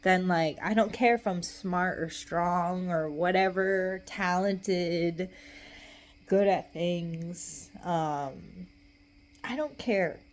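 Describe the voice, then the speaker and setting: A woman's voice: on the low side, very slow. A young adult woman in a casual, rambling solo chat, talking in a loose, tipsy, giggly way and trailing off mid-thought. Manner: tipsy, loose, meandering drunk talk. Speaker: vlogger.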